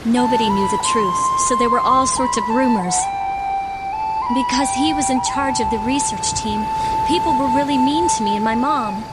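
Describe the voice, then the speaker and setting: A woman's voice: a little high, natural voice. A young woman playing an earnest, hurt teenage schoolgirl in a video game drama, speaking emotionally and confidingly. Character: hurt, earnest teenage schoolgirl who idolized her father. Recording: loud music under the voice.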